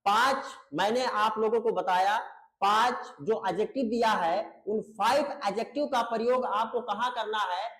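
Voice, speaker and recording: This English teacher has a high-pitched, slightly bright male voice and speaks at a normal pace in an online grammar lesson. Explaining in Hindi with pronunciation, he repeats key words, asks students to respond, and fondly calls them beta, patient throughout. The recording is low quality.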